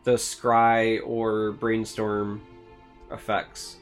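A man's voice: lowish voice, monotone, drawn-out words, faint music behind. A man co-hosting a casual podcast, explaining game mechanics at length in an analytical way. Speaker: podcast co-host.

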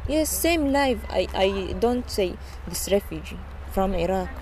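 Earnest Syrian woman in halting English. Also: medium pitch, expressive. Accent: Syrian Arabic. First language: Arabic. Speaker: refugee interviewee. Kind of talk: casual interview. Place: refugee camp outdoors. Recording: noisy outdoor field recording.

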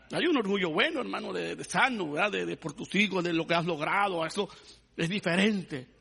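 Young guy preaching, keeps saying brother, high husky voice. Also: sharp tone. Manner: repeats "hermano" and asks the congregation to praise the Lord. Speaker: pastor. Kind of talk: sermon.

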